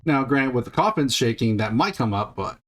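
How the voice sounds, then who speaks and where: A man's voice: mid-range voice, expressive, brisk. Man patiently running a tabletop game. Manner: explains rules patiently, thinking aloud with restarts. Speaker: game master.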